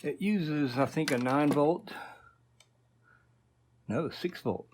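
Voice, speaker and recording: A man with a slightly high, somewhat mellow voice hosts a casual electronics repair video, narrating informally and thinking aloud at his workbench. He speaks slowly, and there's a faint hiss or hum.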